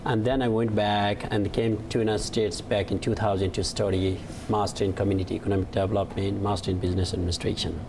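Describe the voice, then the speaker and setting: A man gives earnest, detailed answers as a guest on a TV studio set. His voice runs on the low side. A lapel mic catches him over steady, clearly heard noise. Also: quick pace, hardly any pauses. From Nepal. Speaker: guest, settlement services manager. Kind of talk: studio interview. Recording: audible background noise.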